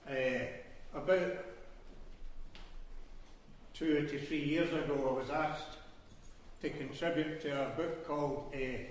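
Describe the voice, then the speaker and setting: A man's voice: fairly high pitch, steady tone, slow, long pauses, a little hiss or hum. A Scottish man from Glasgow, a poet, talking through a live reading in a rambling, hesitant way full of ems and ehs. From Glasgow, Scotland. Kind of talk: live poetry reading with digressions. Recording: echoey hall, voice from far off.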